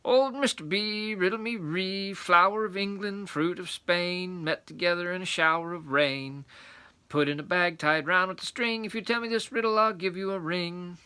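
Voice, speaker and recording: Male reader as impudent small squirrel, high-pitched, bright, singsong, teasing, storybook riddles. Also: normal speed, clean tone. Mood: cheeky, taunting. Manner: singsong, teasing rhyme delivery. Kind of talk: storybook character voice.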